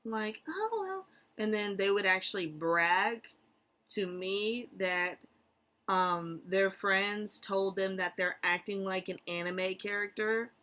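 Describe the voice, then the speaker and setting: A woman's voice: medium pitch, steady tone, slow, sharp tone. A woman therapist talking casually in a vlog, rambling with lots of fillers and incredulous asides.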